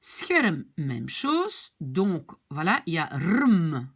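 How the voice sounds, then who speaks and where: A woman's voice: low voice, very animated, drawn-out words, slightly rough. A woman teaching a language lesson, patiently going over rules, repeating key points and checking that her students follow. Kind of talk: explanatory lesson.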